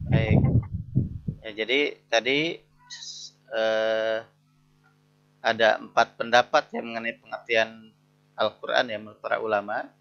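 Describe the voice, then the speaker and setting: Gravelly male lecturer, lo-fi audio. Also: on the low side, steady tone, soft background music. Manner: reads Arabic phrases slowly, then explains each one, keeps asking "betul tidak?". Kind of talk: interactive lesson.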